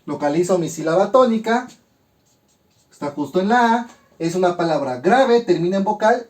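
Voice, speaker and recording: A man teaching a grammar lesson, methodically walking through examples and sounding out syllables slowly. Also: high-pitched, darkish tone.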